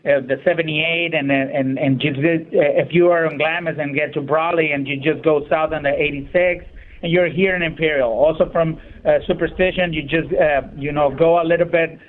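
Tinny AM-radio phone-line man, fairly high voice. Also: steady tone. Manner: halting, many fillers and restarts. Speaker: dealership sales manager, radio guest. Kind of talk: casual radio talk-show chat.

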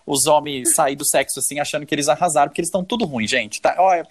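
A man's voice: on the high side, quick pace. A Brazilian man, a guest influencer, chatting bluntly and crudely, with jokes, on a casual podcast. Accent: Brazilian Portuguese.

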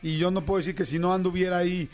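Fast-talking Mexican man, high voice. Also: soft background music. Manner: quick, animated storyteller. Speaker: host. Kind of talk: casual radio chat.

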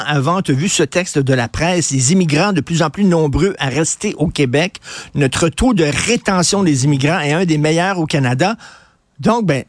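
A man hosting a casual political chat, brisk and moving the talk along to new topics. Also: on the high side, no echo. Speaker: host.

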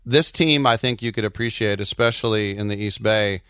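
A man's voice: on the low side, moderate pace, a bit bright, clear, resonant tone, no echo, clean studio sound. A man talking casual sports as a co-host, wandering off into anecdotes. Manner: digressive, anecdotal. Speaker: soccer commentator and co-host.

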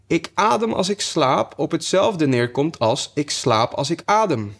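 A man's voice: a little high, big pitch swings, measured pace, creaky, a bit bright, voice pushed up, exaggerated voice. A man reading aloud, voicing a sleepy little male dormouse talking half asleep. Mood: drowsy. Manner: drowsy, mumbling.

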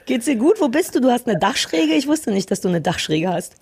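A woman's voice: on the high side, sing-song, brisk, darkish tone, breathy edge. A woman hosting a podcast in a chatty, teasing, rambling way. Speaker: podcast host. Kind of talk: casual chat.

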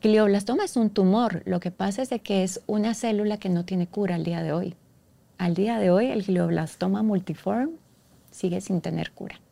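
A woman from Guatemala, a guest in an interview, recounting a hard personal story in a halting, emotional way, often restarting and retelling past conversations. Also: medium pitch, creaky, warm tone.

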